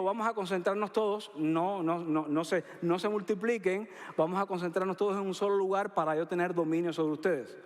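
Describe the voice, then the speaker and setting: Cuban man preaching, high voice, emphatic, leans on key words, reverberant hall. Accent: Cuban Spanish. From Cuba. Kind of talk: sermon.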